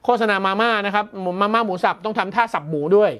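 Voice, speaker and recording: A man's voice: sits high, fast, fairly bright tone, smooth. A man hosting a tech news show, commenting in a chatty, amused way and laughing often as he reacts to the story.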